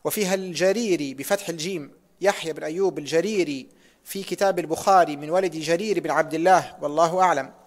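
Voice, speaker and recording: A man's voice: on the high side, fast talker. A man reading a hadith text aloud in a lesson, careful and precise, closing sections with pious formulas.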